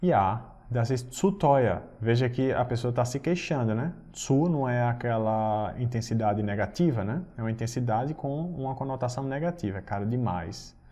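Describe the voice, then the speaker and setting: A man teaching German, explaining patiently and reading German phrases slowly. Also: mid-range voice, warm tone. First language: Portuguese. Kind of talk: recorded language lesson.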